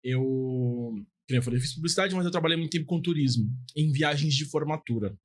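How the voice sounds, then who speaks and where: Casual male podcast host, slightly high voice, easygoing and a bit hesitant when asking. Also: fast. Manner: relaxed, casual, hesitant questions.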